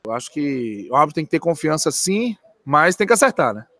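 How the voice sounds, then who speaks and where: A man's voice: fairly high pitch, sing-song, brisk, pushed and bright, no echo, clean studio sound. A man giving post-match football analysis from a stadium's stands, speaking emphatically and repeating key points.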